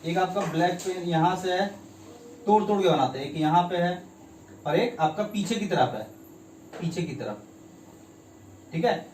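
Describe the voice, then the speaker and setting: Guy teaching chem, high voice, keeps quizzing students, roomy echo with faint hum behind. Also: animated, moderate pace, pauses often, a little mellow. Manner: keeps asking students quiz questions; mixes in English terms, repeats key phrases. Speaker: chemistry teacher. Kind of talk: spoken classroom lesson. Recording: echoey room, mic at a distance.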